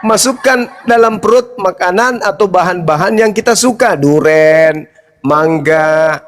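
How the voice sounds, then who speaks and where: A man's voice: high-pitched, measured pace. A man debating faith on an online call, combative and mocking, repeating his questions and laughing at his opponents. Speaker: debater in an online interfaith discussion. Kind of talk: heated debate.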